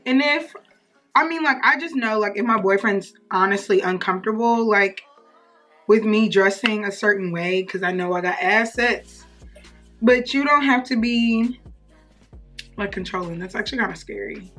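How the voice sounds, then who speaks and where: A young woman in casual girl-talk, slangy and halting as she thinks aloud. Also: medium pitch, fairly bright tone, soft background music. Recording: slightly distant from the microphone.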